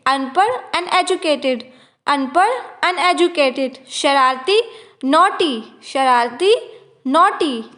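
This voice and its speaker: A woman, teaching vocabulary and repeating each word pair slowly and clearly. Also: sits high, a bit bright. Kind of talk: slow, deliberate word-by-word vocabulary lesson.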